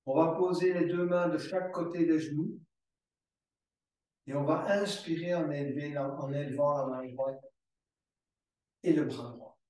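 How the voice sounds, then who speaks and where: A man teaching a yoga class, calling out poses and breath cues in slow, drawn-out repetitions. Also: a little high, fairly even intonation, darkish tone. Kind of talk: guided yoga class instruction. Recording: very echoey room, voice from far off the mic.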